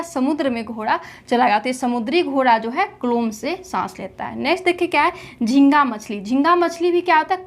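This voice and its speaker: High-voiced woman teaching memory tricks. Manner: keeps asking rhetorical questions and answering them herself; repeats each point several times. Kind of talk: explaining memory tricks for a general knowledge lesson.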